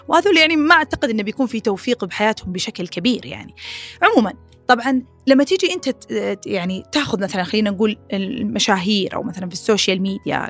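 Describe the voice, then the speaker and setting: A woman hosting a podcast, giving casual advice, animated and repeating phrases as she talks. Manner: animated, acts out quoted critics in a higher voice; rapid, repeats phrases, many fillers. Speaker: podcast host.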